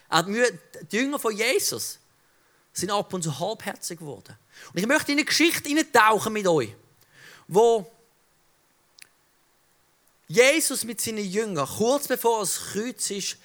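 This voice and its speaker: High, bright-voiced man preaching. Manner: direct, conversational address to the audience. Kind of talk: sermon.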